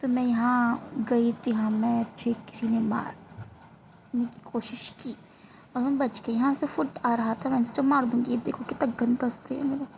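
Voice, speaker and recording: A woman's voice: fairly high pitch, little pitch movement, moderate pace, creaky, a little mellow, slight background noise, poor audio. A woman giving casual, self-mocking voice-over commentary on her own gameplay, recorded on a phone. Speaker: gaming creator.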